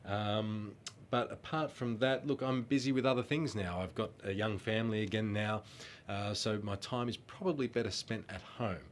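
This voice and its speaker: A former children's band singer, now middle-aged, answers fan questions in a lowish voice at a moderate pace, with a little hiss or hum audible. The Australian man's nose is blocked by a cold, and his casual, friendly talk rambles with many ums.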